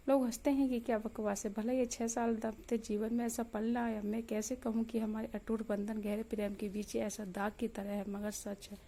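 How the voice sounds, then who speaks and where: A woman reading a heartbroken young wife's letter aloud in a soft, aching, confessional way. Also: on the high side, slight background noise, natural voice.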